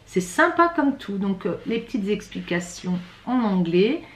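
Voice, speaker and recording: A woman's voice: mid-range voice, very animated, a little slow, echoey room. A woman vlogger chatting casually through a beauty box unboxing, hesitant and full of fillers and restarts, with a slightly rattly voice. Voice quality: self-described rattly voice.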